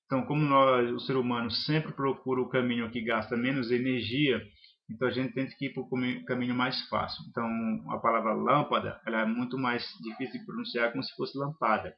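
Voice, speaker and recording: Man, grammar teacher, methodical, lists examples, mid-range pitch. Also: little pitch movement, a bit bright. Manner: methodical, lists examples slowly, some hesitations. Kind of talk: spoken grammar lesson.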